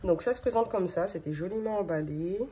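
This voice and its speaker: A woman's voice: on the low side, a little fast, warm tone, a little hiss or hum. Chatty French woman in her thirties. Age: 30s. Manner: chatty, lots of fillers and little laughs. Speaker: budgeting vlogger. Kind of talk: casual show-and-tell vlog. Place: home office desk, indoors.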